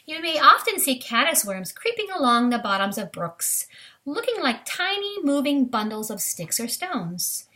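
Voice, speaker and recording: A woman with a fairly high, bright, forceful voice reads a nature book to children at a moderate pace, sounding very animated. She addresses them directly as a teacher would, sometimes adding her own short remarks to the text.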